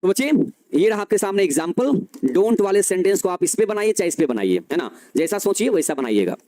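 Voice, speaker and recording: A male teacher giving a grammar lesson, explaining slowly, repeating key phrases and answering his own questions. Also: high voice, sing-song, dark tone.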